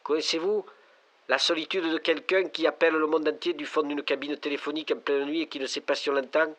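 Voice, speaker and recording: A lonely, frightened young man calls in from a night payphone, and his voice comes through thin and distant on the line, as a man acts him out on stage. He pleads to be heard, and his speech tips toward panic. His voice sits a little high for a man. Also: little pitch movement, quick pace, fairly bright tone. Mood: lonely fearful. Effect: payphone call, distant caller on the line. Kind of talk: stage monologue acting.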